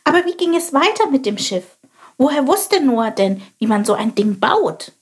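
A woman voicing a curious, excitable little male sparrow who asks eager questions. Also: sits high, moderate pace, breathy edge, voice pushed up, full character voice. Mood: excited.

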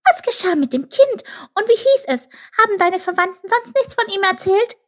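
A woman voicing a small, curious young male creature who talks in an excited, impatient, squeaky way. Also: moderate pace.

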